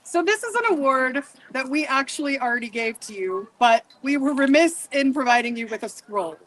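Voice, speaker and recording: A woman's voice: high voice, animated, normal speed, fairly bright tone, rough recording. A woman presiding over a reenactment court, making informal spoken remarks to a gathering. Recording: clear background noise, live event ambience.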